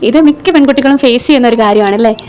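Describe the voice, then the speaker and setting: Fast-talking woman reading a story. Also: on the high side, soft background music. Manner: expressive reading, raises voice for dialogue. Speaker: storyteller and channel host. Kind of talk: reading a serialized story aloud.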